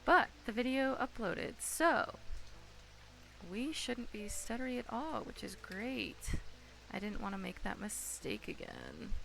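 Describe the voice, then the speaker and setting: Gravelly-voiced woman streaming a game. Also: a little high, very animated, measured pace, fairly bright tone, low-quality recording. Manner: muses aloud, reads game text, chats to viewers. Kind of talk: casual gameplay commentary. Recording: game music behind the voice.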